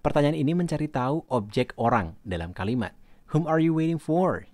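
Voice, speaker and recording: A man teaching English grammar in a recorded lesson. He reads English example questions slowly and then translates them. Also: on the high side, animated, darkish tone, dry recording.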